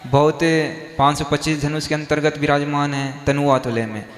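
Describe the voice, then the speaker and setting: A man, a Jain monk, explaining a Sanskrit hymn and correcting how its words are said. His voice sits a little high and he talks in a brisk conversational way. The sound rings with a long hall reverb. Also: steady tone. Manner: slow drawn-out chanting, then brisk conversational explanation. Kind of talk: chanting Sanskrit verse and explaining it.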